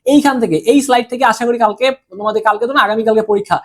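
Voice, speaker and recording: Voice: medium pitch, steady tone, racing, a bit bright. A young adult teacher with a Bangladeshi Bengali accent gives a recorded exam-prep class. The teacher drills each word through repeated questions and answers and urges the students on in a familiar tone.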